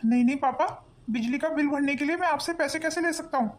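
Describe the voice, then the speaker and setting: A woman's voice: high-pitched, fast, natural voice. A woman voicing a frustrated, jobless young husband in a cartoon family drama, complaining in an exasperated way. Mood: worried.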